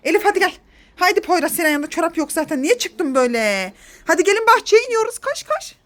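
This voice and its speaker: A woman's voice: very high-pitched, lively intonation, fast talker, a bit bright, slight background noise. A woman in her thirties, a mother filming a family vlog, coaxing her children and talking to viewers in a playful, exclaiming way. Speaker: mother and vlogger.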